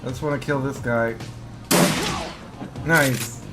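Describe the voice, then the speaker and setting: A man's voice: medium pitch, steady tone, takes it slowly, over loud music. A man giving casual, sweary gameplay commentary and reading the game's text aloud as he plays. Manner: casual, profane. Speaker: video game player narrating playthrough.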